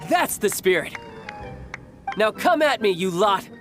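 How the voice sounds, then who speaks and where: A man's voice: high voice, very animated, a little slow, fairly bright tone, soft background music, heavily acted. Confident, theatrical young male officer. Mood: brisk, commanding. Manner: grand oratory that slips into playful, awkward improvising. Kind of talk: video game voice acting.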